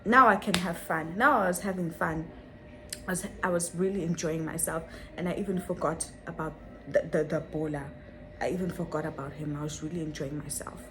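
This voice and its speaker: A woman's voice: low voice, fairly quick, background noise. A young woman telling a dramatic story on her vlog, full of rhetorical questions and repetition. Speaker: vlogger.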